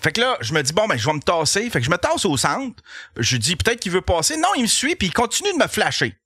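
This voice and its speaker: A man with a Québécois accent, a podcast host telling a comic story in an animated, profane way and laughing as he goes. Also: high-pitched, fast, husky, no echo, clean studio sound. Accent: Québécois French.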